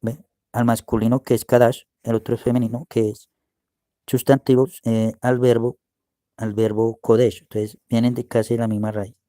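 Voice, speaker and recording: A man's voice: mid-range voice, little pitch movement, dark tone, no echo, studio quality. A man preaching and teaching Bible words to his listeners, walking them through a screen share and often asking if they can see. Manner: slow, explaining, asks "¿ve?" often.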